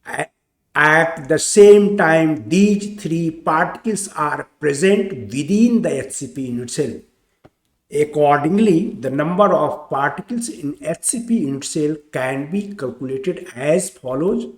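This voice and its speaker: Slow-spoken male chemistry teacher. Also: a little high, lively intonation, reverberant. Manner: slow, deliberate, repeats points step by step. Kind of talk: slow explanatory lecture.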